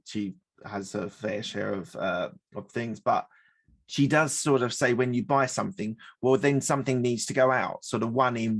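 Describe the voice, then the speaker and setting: A man's voice: on the low side, gravelly, husky. A man hosting an interview podcast, talking in an easygoing, hesitant way with many "sort of"s. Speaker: podcast host. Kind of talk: interview host.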